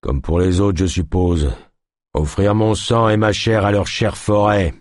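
A man voicing a calm, fearless caged man who speaks with resignation. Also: low-pitched, a little slow, no echo, clean studio sound. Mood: resigned.

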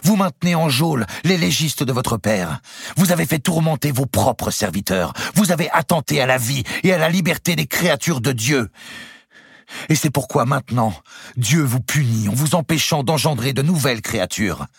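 A man's voice: deep voice, expressive, moderate pace, husky, no room sound, pitched above the performer's own voice, heavily acted. A man voicing a devout young queen who speaks firmly and solemnly. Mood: accusing. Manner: firm, solemn, pleading.

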